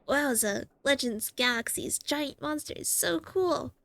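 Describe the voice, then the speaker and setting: A woman voicing an excitable, pleading little girl adventurer from a video game. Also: high-pitched, slow pace, creaky, pitched above the performer's own voice, exaggerated voice. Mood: awed, excited.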